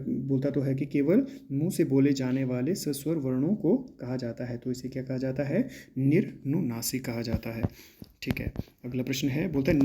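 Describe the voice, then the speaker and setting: A man teaching as he works through mock exam questions, often checking in with the class and pausing with drawn-out hesitations. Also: medium pitch, warm tone. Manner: repetitive, checks in with "है ना" and "ठीक है".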